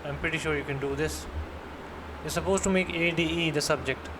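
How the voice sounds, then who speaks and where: A man's voice: fairly high pitch, steady tone, fairly quick. A man with a Pakistani accent giving an interactive one-to-one maths lesson online, encouraging and leading step by step with questions. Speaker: maths tutor. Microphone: computer mic on online screen-share call. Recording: noisy online lesson audio, background hum.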